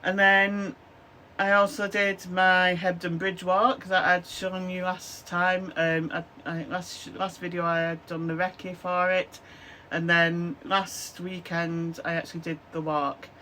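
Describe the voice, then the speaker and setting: A fifty-something Lancashire woman vlogs casually about crafts from her small room, hoarse, coughing chestily, and wandering off with "um, so yeah" fillers. Her delivery is measured, her fairly low voice sharp and mostly flat in pitch, with a faint hiss or hum from the close-framed desk camera.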